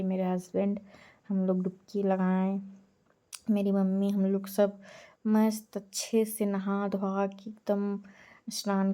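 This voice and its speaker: A woman talks through her holiday photos in a relaxed, unhurried way. Her voice is soft and mellow and stays on an even pitch. She chats casually and keeps turning to her viewers. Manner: chatty, homely, calls on viewers. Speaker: vlogger narrating her trip. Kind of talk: casual voice-over narration of photos.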